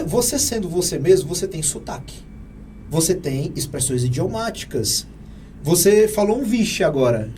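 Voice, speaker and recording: A man with a Brazilian Portuguese accent answering interview questions in an energetic, emphatic, teacherly way, often posing rhetorical questions. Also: high-pitched, a little hiss or hum. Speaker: real estate AI consultant guest.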